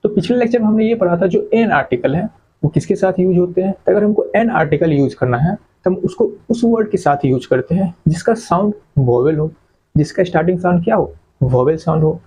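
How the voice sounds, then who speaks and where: In a classroom-style English grammar lecture, a man keeps posing questions and answering them himself, repeating key words. His high, husky yet mellow voice is animated and a little fast, on a rough recording.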